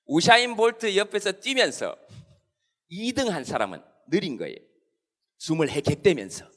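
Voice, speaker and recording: Animated man in a reverberant hall. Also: high voice, normal speed. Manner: animated, playful, quoting insults in mock voices. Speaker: comedian giving a satirical talk. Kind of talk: stand-up style satirical lecture to an audience.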